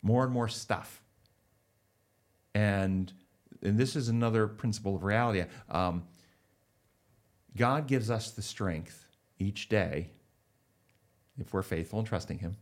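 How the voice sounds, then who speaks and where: A man speaking as a counselor, explaining ideas in a measured, earnest way and telling illustrative stories. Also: lowish voice. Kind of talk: conversational explanation.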